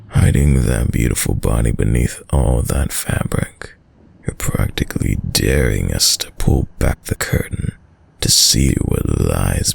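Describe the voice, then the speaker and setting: In an intimate audio roleplay, a man voices a suave, predatory, dominant vampire lord, his very deep, gravelly, slightly mellow voice lingering over words. The delivery is courtly, seductive and menacing, and heavily acted.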